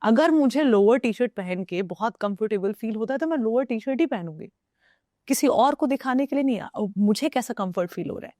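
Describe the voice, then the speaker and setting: A woman's voice: fairly high pitch, expressive, fairly quick, dark tone, dry recording, clean studio sound. A young woman from Uttar Pradesh, India, speaking as a guest in a casual conversation. She is reflective and moves between Hindi and English as she talks.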